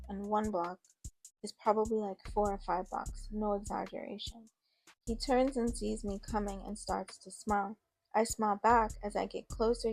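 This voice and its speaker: A woman's voice: medium pitch, vocal fry, darkish tone. A woman telling a first-person story in a casual, conversational way. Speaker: narrator.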